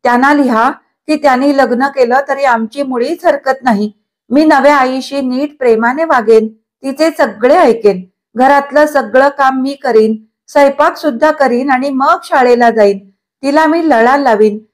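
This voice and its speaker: A woman voicing a lively, stubborn young girl who pleads and turns tearful, in a read-aloud novel. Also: high voice, unhurried, voice pushed up.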